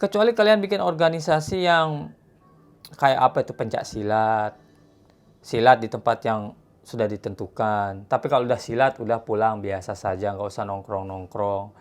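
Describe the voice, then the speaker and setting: A man's voice: lowish voice, moderate pace. A man from Indonesia who lives in Japan, giving an earnest, scolding commentary to his viewers in a casual vlog. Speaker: vlogger living in Japan.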